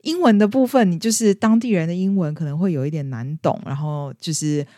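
A young woman in her twenties chats at a brisk clip on a podcast and tells a personal story. She acts out the quoted lines in bright, raised voices. Her voice sounds close and dry. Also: lowish voice, dry recording. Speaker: podcast co-host. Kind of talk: casual storytelling chat.

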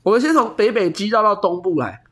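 Taiwanese accent, stuffy congested nose, animated intonation, casual podcast co-host, explanatory teaching chat. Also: mid-range voice, fast.

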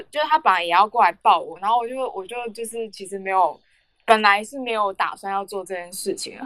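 Bright young woman telling a story. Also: mid-range voice, no echo. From Taiwan. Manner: rambling, many fillers and restarts. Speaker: podcast co-host. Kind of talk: casual storytelling chat.

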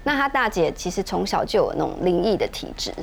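A woman, co-hosting a podcast and telling a ghost story in a chatty, measured way with many fillers. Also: mid-range voice, big pitch swings, creaky, a little hiss or hum. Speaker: podcast co-host.

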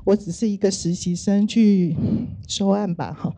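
Brief: middle-aged woman, Taiwanese Mandarin accent, very mellow dark tone, unhurried reflective storyteller. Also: mid-range voice, fairly even intonation, gravelly. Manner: gentle, thoughtful, many soft fillers. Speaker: speaker sharing work stories.

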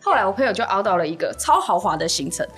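A woman's voice: mid-range voice, racing, soft background music. A woman, co-hosting a casual podcast and telling a story with lots of laughter and acted-out voices. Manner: animated, laughs often, acts out other voices. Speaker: co-host.

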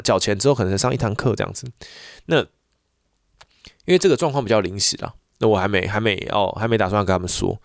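A man's voice: on the low side, no echo, clean studio sound. A man, a voice teacher, ranting in a casual monologue full of repeats and restarts. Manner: animated, repetitive ranting with frequent restarts.

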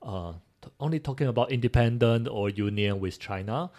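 A man from Taiwan, co-hosting a casual podcast in halting English. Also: mid-range voice, a little mellow. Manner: halting non-native English, laughs often. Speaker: podcast co-host. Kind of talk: casual discussion.

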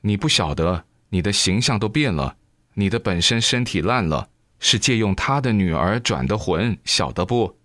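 A man's voice: fairly low pitch, lively intonation, normal speed, a bit bright, dry recording, clean studio sound. A man voicing a boastful, insistent bank manager. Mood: urgent.

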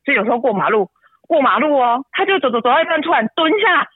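A woman's voice: lively intonation, quick pace, slightly rough, no room sound. A woman pours out an emotional story. Her voice breaks and leaps upward when she gets upset. She sounds close and dry, squeezed through a narrow phone line. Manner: tearful, pitch jumps high when upset. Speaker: interview guest, mother. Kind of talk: emotional personal account.

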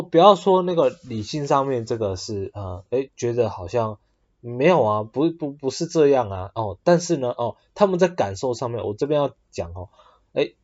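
A man hosting a podcast monologue, halting and full of fillers and restarts. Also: medium pitch, a little mellow, slightly rough, highs cut off. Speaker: podcast host. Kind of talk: casual monologue.

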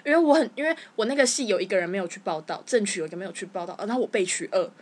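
A young woman with a Taiwanese Mandarin accent, telling her story as a podcast guest in casual chat, animated and often stumbling over repeated words. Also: mid-range voice, rapid-fire, breathy edge. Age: young adult.

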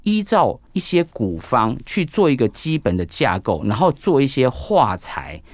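A man's voice: medium pitch, very animated, a little slow, no room sound. A man with a Taiwanese Mandarin accent, a traditional medicine doctor, explaining things conversationally in a didactic way with many rhetorical questions. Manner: didactic, rhetorical questions, frequent sentence-end particles. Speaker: traditional Chinese medicine doctor, podcast guest.

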